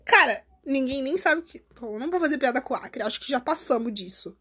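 A woman's voice: high-pitched, lively intonation, brisk, pushed and bright, breathy edge. A woman co-hosting a podcast in casual, playful chat, teasing and laughing often. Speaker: podcast co-host.

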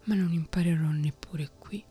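Reading a fairy tale, a woman whispers the lines of a fearless young man who wants to learn fear, calm and bold without a trace of fright. Her voice is fairly low and slightly rough at normal speed, with faint music behind it.

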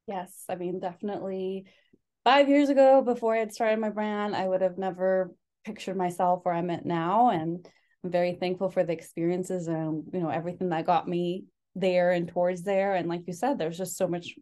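A young woman with a lowish voice talks as a podcast guest, relaxed and easygoing, leaning on fillers like "you know" as she tells her story. She grew up in California after coming from Mexico as a baby. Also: moderate pace. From Mexico, raised in California. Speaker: guest, designer and business founder. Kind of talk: casual podcast interview.

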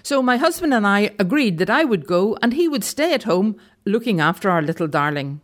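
A woman from Ireland, telling a personal anecdote in a gentle, measured way. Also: medium pitch, sing-song. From Northern Ireland. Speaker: storyteller. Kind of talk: anecdote storytelling.

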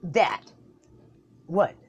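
A woman's voice: very slow, darkish tone, dull audio. A woman performing a comedic argument skit, bickering in a heated, profane back-and-forth.

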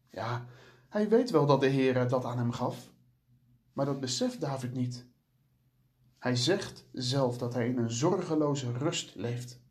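Earnest man reading a devotional. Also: medium pitch. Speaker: youth work adviser. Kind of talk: devotional bible reading and reflection.

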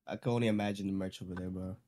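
A young man in casual chat among friends as a podcast co-host, with excitable, slangy frat-bro banter. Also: low voice, rapid-fire, slight background noise. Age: young adult.

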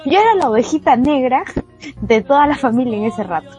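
Lively high-voiced young woman. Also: fairly quick, faint music behind. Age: young adult. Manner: animated storytelling, mimics her father. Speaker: guest. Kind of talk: casual podcast chat.

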